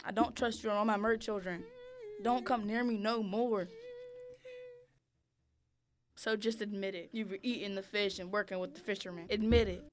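A woman's voice: mid-range voice, fairly even intonation, fairly quick, close to an everyday voice. A woman voicing a feisty, suspicious mermaid who accuses others in improvised comedy. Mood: accusing. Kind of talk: improvised comedy role-play.

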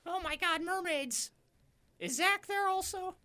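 A performer voicing an excitable, easily spooked fisherman in improvised comedy, full of exclamations. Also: measured pace, full character voice. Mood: alarmed. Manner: high-pitched, exclaiming. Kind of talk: improvised comedy role-play.

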